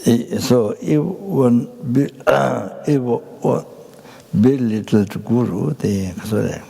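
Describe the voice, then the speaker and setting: Slow gravelly older man. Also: medium pitch, dark tone. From Nepal. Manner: halting, many fillers and restarts. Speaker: Buddhist teacher. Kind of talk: Buddhist teaching talk. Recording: hall reverb.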